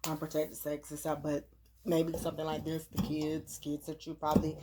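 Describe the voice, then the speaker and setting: A woman with a lowish voice talks through a casual chat. She sounds earnest and a little preachy as she gives advice, and she often restarts and repeats her words. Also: completely flat delivery, moderate pace, background noise. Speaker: host.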